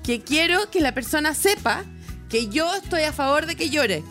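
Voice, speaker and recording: A woman with a Chilean accent chatting casually as a podcast co-host, telling stories with halting restarts. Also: high voice, expressive, fairly bright tone, faint music behind. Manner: rambling storyteller, halting restarts. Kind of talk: casual chat.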